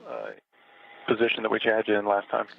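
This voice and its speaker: A man making methodical, halting step-by-step operational callouts over a radio link as a robotic arm operator. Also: fairly low pitch, level tone, vocal fry. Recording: muffled radio link, faint noise.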